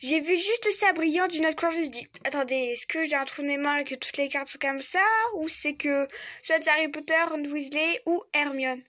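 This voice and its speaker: A young woman chatting casually as she opens trading card packs, stammering and gushing like an excited fan. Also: high-pitched, moderate pace, no room sound, studio quality. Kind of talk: casual unboxing vlog chat.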